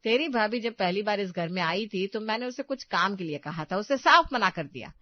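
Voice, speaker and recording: A woman's voice: medium pitch, animated, normal speed, dry recording, highs cut off, close to an everyday voice. A woman voicing an older mother-in-law in a cartoon story, scolding but affectionate. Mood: coaxing.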